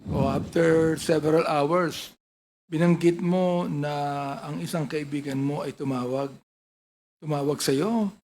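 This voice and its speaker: A man's voice: a little high, fairly even intonation, takes it slowly, darkish tone, a little hiss or hum. A man questioning a witness at a formal hearing, pointed and probing.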